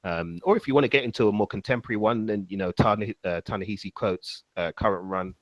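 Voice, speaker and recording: A man's voice: lowish voice, fast talker, dry recording, muffled recording. A man hosting a casual podcast chat, laid-back, with lots of ums and you-knows. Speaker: podcast host.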